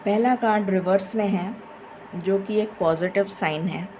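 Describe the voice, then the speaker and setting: A woman giving a tarot reading in a slow, effortful way, tired and with a dry throat. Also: medium pitch, a little mellow, a little hiss or hum, low-quality recording. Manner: slow, tired, effortful Hindi-English mix with many pauses. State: low energy, dry throat. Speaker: tarot reader. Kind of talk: casual tarot reading to camera.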